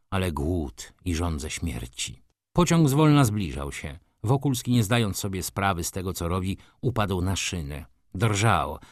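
A man narrating a classic novel aloud in a measured, dramatic reading that moves between hushed and intense. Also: low-pitched, dry recording, clean studio sound. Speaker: audiobook narrator.

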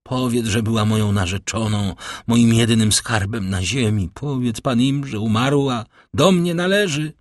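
A man's voice: medium pitch, moderate pace, hardly any pauses, no echo, studio quality, close to an everyday voice. A man voicing a desperate, heartbroken young man who pleads in a choked voice, read in an audiobook.

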